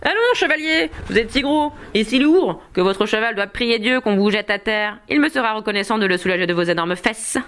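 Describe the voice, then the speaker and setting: A woman's voice: mid-range voice, lively intonation, brisk, hardly any pauses, fairly bright tone, clean tone. A woman reading aloud, voicing a cocky young male knight who taunts his opponent cheekily. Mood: taunting.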